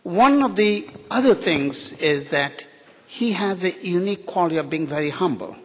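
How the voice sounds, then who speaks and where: Fairly high in pitch, a bit bright and husky, this voice belongs to a middle-aged Indian man improvising a humorous tribute at a podium mic. He's a guest speaker at a ceremony, talking candidly and outspokenly in an Indian English accent shaded by British and American influences. The recording carries the reverb of a large hall.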